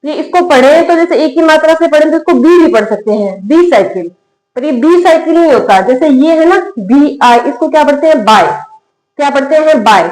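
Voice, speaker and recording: A woman with a high, light voice teaches a spoken English lesson at a patient pace. She asks the viewer what each word says and repeats it over and over. Her voice rings in an echoey room. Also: lively intonation, a little fast, darkish tone.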